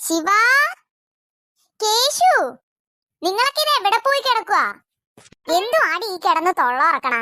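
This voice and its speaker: A woman's voice: very high-pitched, lively intonation, quick pace, bright, forceful tone, dry recording, clean studio sound, exaggerated voice. A woman voicing an exasperated mother in a family cartoon who scolds her children. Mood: scolding. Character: scolding harried cartoon mother of several kids.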